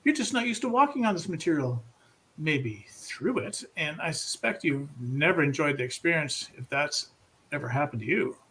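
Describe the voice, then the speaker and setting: A man voicing a whimsical, rascally bearded man who speaks in a teasing, unhurried way. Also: on the high side, lively intonation, fairly bright tone, a little hiss or hum, pitched above the performer's own voice. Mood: playful.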